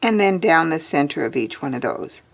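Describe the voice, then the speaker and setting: A woman's voice: low voice, big pitch swings, normal speed, creaky. A woman teaching a drawing lesson, chatting and thinking aloud as she draws, with the hiccups. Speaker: art teacher.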